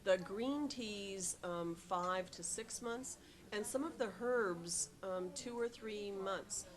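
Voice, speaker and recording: Middle-aged woman tea shop owner, lots of ums, keen and chatty, mid pitch. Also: takes it slowly. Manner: many ums and restarts, enthusiastic. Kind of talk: interview answers.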